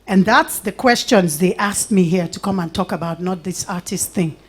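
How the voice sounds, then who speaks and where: A woman's voice: lowish voice, moderate pace, breathy edge. A middle-aged Nigerian woman giving a live talk at an event, telling stories with animation and acting out little quotes between laughs. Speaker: invited speaker.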